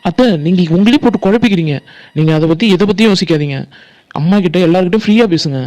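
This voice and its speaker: A persuasive young villager from a family cartoon, voiced by a man, who talks very fast in a high, smooth voice. He pleads with the family and reassures them. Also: darkish tone, close to an everyday voice. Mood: pleading. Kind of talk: Tamil cartoon voice acting.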